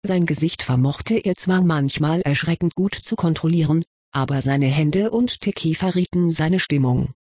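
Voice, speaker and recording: A narrator reading a fantasy story aloud at a steady, even pace. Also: medium pitch, moderate pace, hardly any pauses, slightly rough, no room sound, studio quality. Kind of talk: audiobook narration of fan fiction.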